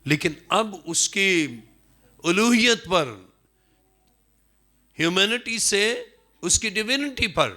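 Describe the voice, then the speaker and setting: A man with a Pakistani Urdu accent preaching a sermon, emphatic, acting out the words of people in the story with swings in pitch. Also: expressive, pauses often, bright, forceful tone. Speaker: pastor.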